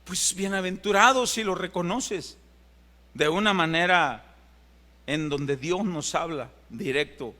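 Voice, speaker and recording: A man's voice: high-pitched, takes it slowly, pushed and bright. A male pastor with a Mexican Spanish accent preaching an impassioned sermon in a church, building to emphatic climaxes. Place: church sanctuary. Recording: long church hall reverb.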